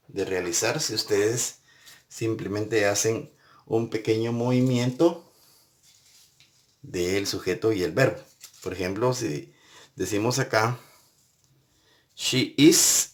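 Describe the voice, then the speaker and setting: A man teaching an English grammar lesson, patiently repeating and spelling out each step. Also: fairly low pitch. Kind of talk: recorded classroom lesson.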